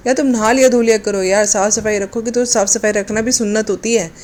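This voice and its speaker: A woman's voice: medium pitch, fairly even intonation, a little fast, a little mellow. A woman talking in a sarcastic, mocking commentary vlog, slipping English phrases into her speech. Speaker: commentary vlogger.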